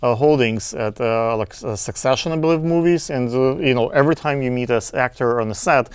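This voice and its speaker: A man interviewing a guest, talking haltingly with many restarts in a casual chat. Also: mid-range voice, smooth, dry recording.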